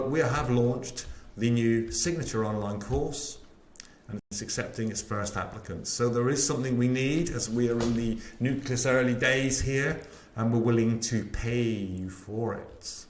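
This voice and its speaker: West country bloke selling his sales course on a webinar, keen, asks lots of questions, bit of room echo. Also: mid-range voice. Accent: West Country English. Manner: enthusiastic, chatty, rhetorical questions. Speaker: sales trainer. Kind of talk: webinar presentation.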